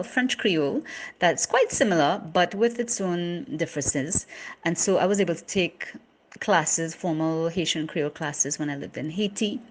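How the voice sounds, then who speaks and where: Low-pitched woman with a softened Trinidadian accent. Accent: Trinidadian, somewhat neutralized. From Trinidad and Tobago. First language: English. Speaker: interpreter and poem reader. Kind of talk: spoken self-introduction.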